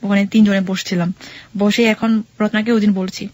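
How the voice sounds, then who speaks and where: A woman's voice: mid-range voice, flat delivery, normal speed, a little mellow. A young woman calling in to tell her life story in casual chat, repeating phrases and acting out dialogue.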